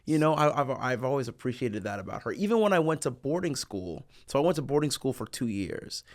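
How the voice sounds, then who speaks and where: A man in his thirties, a guest in a casual interview, telling stories in an animated way and acting out what people said. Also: medium pitch, fairly quick. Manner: animated, acts out quoted people.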